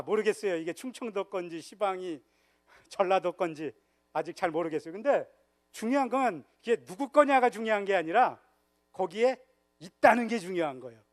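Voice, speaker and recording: Man, high voice, lively church-retreat lecturer who teases the crowd with questions. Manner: jokes and quizzes the audience. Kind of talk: humorous church history lecture. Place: church hall.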